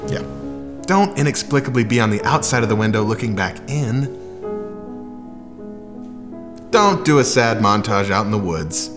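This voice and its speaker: A man's voice: on the low side, sing-song, normal speed. Pleading man in a comedy sketch, music behind. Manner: pleading, exasperated. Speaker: sketch partner.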